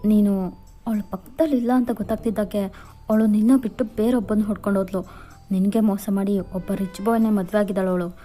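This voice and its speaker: A woman's voice: medium pitch, fairly even intonation, fairly quick, mellow, soft background music, natural voice. A woman voicing a ruthless, domineering rich father who coldly threatens a young woman in a fan fiction voiceover. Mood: scheming.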